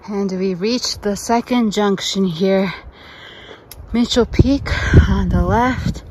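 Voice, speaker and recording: A woman's voice: medium pitch, slow pace, warm tone, a little hiss or hum, poor audio. A woman narrating a casual hiking vlog outdoors on a mountain trail, gushing with enthusiasm. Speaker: vlogger.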